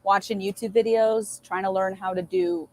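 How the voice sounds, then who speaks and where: A woman's voice: mid-range voice, steady tone, moderate pace, warm tone. A woman musician being interviewed, talking in a chatty, upbeat way. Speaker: musician guest. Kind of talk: casual chat.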